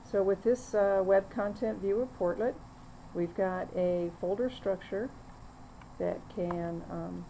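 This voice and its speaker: A woman narrating a screen-recorded software demo, walking through the steps plainly with frequent fillers. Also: medium pitch, slow pace, slight background noise, rough recording. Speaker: software demonstrator.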